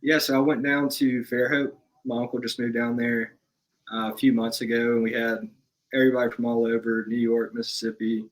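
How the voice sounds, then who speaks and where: A man's voice: medium pitch, flat delivery, brisk, rough recording. A young man from Alabama, a business owner guest, talking in a laid-back, matter-of-fact way. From Alabama, USA. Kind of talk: casual interview chat.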